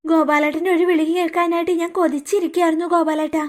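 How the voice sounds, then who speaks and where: A woman's voice: very high voice, little pitch movement, quick pace. A woman voicing a scheming young woman in a cartoon, sugary and spiteful.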